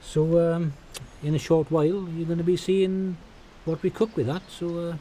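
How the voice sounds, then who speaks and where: Welsh man in his fifties, cooking-show host, dark mellow tone, faint outdoor noise behind. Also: on the high side, moderate pace. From Wales. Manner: relaxed and chatty, frequent ums and uhs. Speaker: forager and outdoor cook. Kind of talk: cooking demonstration. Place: rocky beach outdoors.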